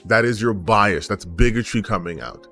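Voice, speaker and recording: A lowish-voiced American man rants straight to his audience, blunt and exasperated. He talks casually, swears freely and keeps hammering home rhetorical questions, with soft music playing faintly behind him. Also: normal speed. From United States. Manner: emphatic, blunt and frustrated, with repeated rhetorical questions. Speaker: gaming YouTuber. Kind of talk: unscripted opinion rant to camera.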